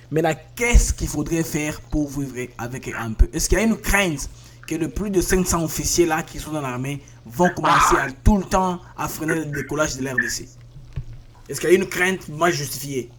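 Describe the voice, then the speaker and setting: A male journalist runs the interview, stringing together long questions with hesitant fillers before he reaches the point. His voice sits a little high for a man. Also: slight background noise.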